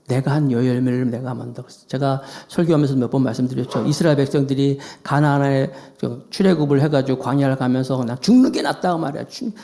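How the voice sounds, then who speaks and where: A man preaching a Sunday sermon as pastor, animated, acting out quoted voices. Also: mid-range voice, quick pace, gravelly, hardly any pauses.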